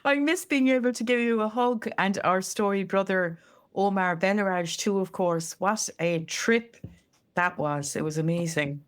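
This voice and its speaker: A woman's voice: mid-range voice, moderate pace, smooth. An Irish woman, a storyteller and co-host, chatting casually in conversation. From Ireland.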